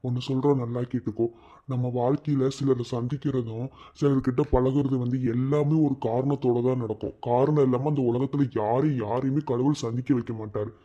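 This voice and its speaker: Man voicing a calm, wise cartoon uncle. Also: medium pitch, muffled recording, natural voice. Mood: gentle advising. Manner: patient, advising, measured. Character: calm, wise uncle giving a young woman advice. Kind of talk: cartoon love story voice acting.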